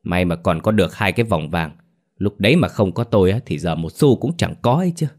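A man voicing a sharp-tongued, greedy wife who scolds her husband. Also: animated, brisk. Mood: scolding. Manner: shrill, scolding.

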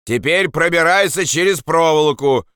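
A man's voice: a little high, normal speed, fairly bright tone, smooth, no room sound, studio quality, pitched above the performer's own voice, lightly acted. A man voicing suspicious, mocking male soldiers on guard who bark orders. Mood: suspicious commanding.

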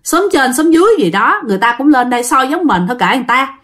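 A woman voicing a greedy rural man who catches frogs, loud and exclaiming. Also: high-pitched, sing-song, fast. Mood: eager.

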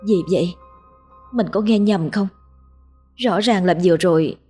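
A woman's voice: mid-range voice, measured pace, warm tone, slightly rough, faint music behind. A woman doing a timid, pleading young wife. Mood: uneasy.

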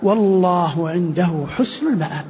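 A man teaching Quran commentary in a lesson, explaining slowly, repeating key phrases and asking rhetorical questions. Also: sits high, expressive, a little mellow, slight background noise. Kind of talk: classroom commentary on scripture. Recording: dull lo-fi lecture recording.

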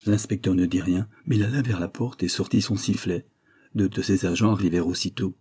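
A man narrating an audiobook in the first person, in a measured storytelling manner. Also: low voice, fairly even intonation, mellow, slightly rough.

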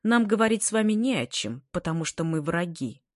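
A woman's voice: fairly low pitch, expressive, brisk, no room sound, studio quality, natural voice. A woman reading a story, voicing a haughty, spiteful young baron who speaks with bitter hatred. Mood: hateful. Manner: bitter, hateful, proud.

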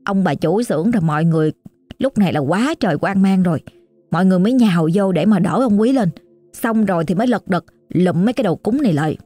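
A woman's voice: fairly low pitch, expressive, fast talker, mellow, faint music behind. A woman with a Southern Vietnamese accent telling a story in a chatty, colloquial, exclamatory way. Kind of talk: casual oral storytelling.

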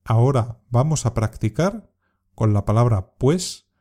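Slow, mellow-voiced teacher man. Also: mid-range voice, animated. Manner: slow, careful, modelling intonation for repetition. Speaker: Spanish teacher. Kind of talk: scripted language lesson.

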